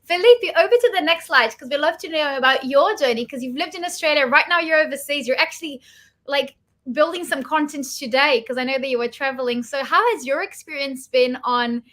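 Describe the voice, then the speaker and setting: A woman's voice: sits high, a little fast, a bit bright. A woman hosting an online masterclass, introducing speakers in an enthusiastic, gushing way. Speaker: webinar host.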